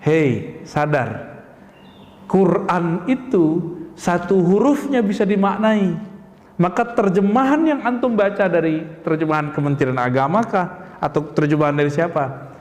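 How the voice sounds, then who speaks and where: A man's voice: sits high, animated, a little slow, darkish tone. A male Islamic preacher giving a conversational sermon, asking the congregation rhetorical questions and calling them Pak. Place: mosque. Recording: echoey mosque hall with long reverb.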